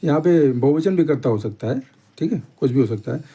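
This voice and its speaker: This man's voice is slightly high, lively, dark and a bit rough. He walks a class through a grammar lesson step by step, explaining slowly, repeating every point and checking in often with "theek hai."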